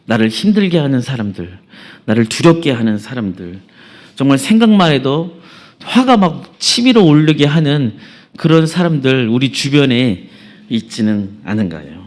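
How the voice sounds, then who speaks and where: A man's voice: mid-range voice, sing-song, moderate pace. A male preacher giving a sermon, retelling a story earnestly and making emphatic appeals to the congregation.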